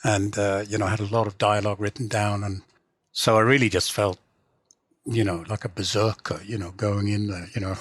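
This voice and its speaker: This interview features a middle-aged translator and novelist from England speaking informally, stopping and restarting a lot and leaning on "you know." His voice sits lowish, steady and fairly bright, and there's no room sound.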